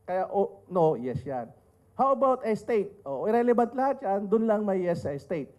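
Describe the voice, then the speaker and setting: A man's voice: high-pitched, sing-song, normal speed, a little mellow. A middle-aged man with a Filipino accent giving a panel talk, explaining rules with rhetorical questions and joking asides. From Philippines. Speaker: tax lawyer speaking on a panel. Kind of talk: lecture to an audience, mixing Tagalog and English.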